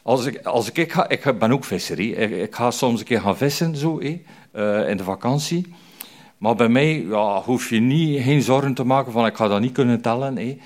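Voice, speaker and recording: An older man, a prison chaplain, preaches an informal sermon in a mid-range voice at a moderate pace. He is chatty, leaning on fillers and frequent "hè" tags.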